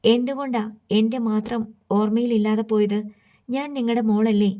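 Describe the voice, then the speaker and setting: A woman's voice: a little high, fairly even intonation, normal speed, dark tone, lightly acted. A woman voicing a hurt young woman who asks her parents bitter, accusing questions.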